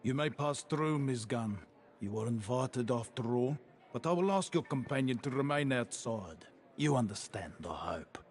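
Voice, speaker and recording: An actor playing a smug male crime lord with a South African accent, smooth and condescending in a video game. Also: mid-range voice, lively intonation, normal speed, darkish tone, natural voice. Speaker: villain in a game.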